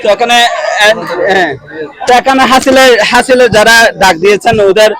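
High-pitched Chattogram man reporting, fast. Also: a bit bright. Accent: Chattogram Bangladeshi. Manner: halting, repetitive, eager presenter delivery. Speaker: reporter for a local online channel. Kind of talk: on-location market report with interviews. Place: outdoor cattle market.

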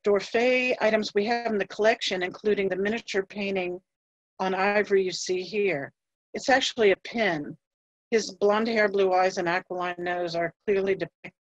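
A woman museum curator giving a scripted history presentation in a measured voice, with a few fillers as she reads from her notes. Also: mid-range voice, no room sound, highs cut off.

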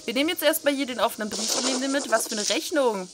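A woman's voice: high voice, very fast, background noise. A woman doing casual let's-play commentary, chatty, irreverent and joking.

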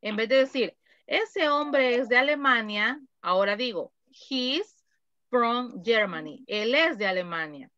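Woman, English teacher, dry close sound, slightly high voice. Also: animated, sharp tone, no room sound, dull audio. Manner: slow, careful, repeats phrases for students. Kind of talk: online class explaining grammar.

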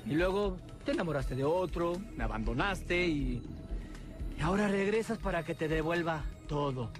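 An actor playing a smug, taunting middle-aged villain in a telenovela. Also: male voice, on the high side, lively intonation, moderate pace, music in the background, close to an everyday voice. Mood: smug, mocking. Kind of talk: telenovela acting.

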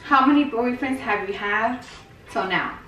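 A young woman in a casual chat among friends, talking in a lively, questioning way. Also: on the high side, measured pace, far from the mic. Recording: echoey room, from the mic.

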